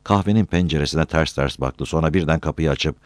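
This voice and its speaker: A man reading a novel aloud as an audiobook narrator, with an expressive storytelling delivery. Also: a bass voice, a little fast, dry recording. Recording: dry close recording.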